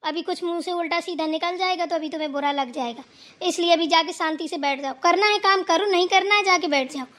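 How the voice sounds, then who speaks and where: A woman's voice: very high voice, fast talker, a bit bright. A woman voicing a worried elder daughter-in-law in a village cartoon, plaintive and stern by turns. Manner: plaintive, scolding when provoked. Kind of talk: cartoon voice acting.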